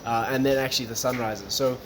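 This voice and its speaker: A man's voice: medium pitch, quick pace. Guy from malawi chatting about his business, laid back, lots of ums, noisy cafe. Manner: relaxed, with many "um" and "look". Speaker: guest, tourism business owner. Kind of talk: casual interview talk. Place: coffee shop. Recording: noisy coffee shop background.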